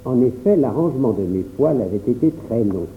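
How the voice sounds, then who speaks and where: Calm male storyteller, tinny audio. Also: mid-range voice. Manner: calm, measured first-person storytelling. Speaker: narrator. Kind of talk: storybook narration. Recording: tinny phone-like audio with faint hum.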